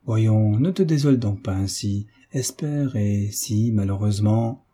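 Man reading as steady loyal friend, firm, dark breathy voice. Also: on the low side, unhurried. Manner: firm, reassuring.

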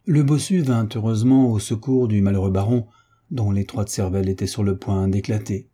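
A man narrating a classic novel as an audiobook, with measured storytelling. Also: lowish voice, mellow, breathy edge.

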